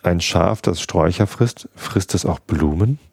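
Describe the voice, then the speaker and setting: A man's voice: low-pitched, measured pace, gravelly, darkish tone, slightly rough, no room sound, studio quality, exaggerated voice. A man reading a storybook aloud and voicing a small, earnest boy prince who keeps asking questions and grows indignant. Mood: curious. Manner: insistent questioning, rising to angry pleading.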